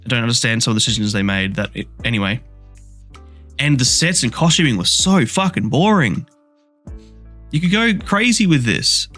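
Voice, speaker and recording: A man's voice: mid-range voice, lively intonation, normal speed, pauses often, a bit bright, faint music behind. A man co-hosting a movie podcast, ranting bluntly and swearing freely as he reviews a film. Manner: blunt, swears a lot, rants with rising energy. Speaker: podcast co-host. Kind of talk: casual movie review chat.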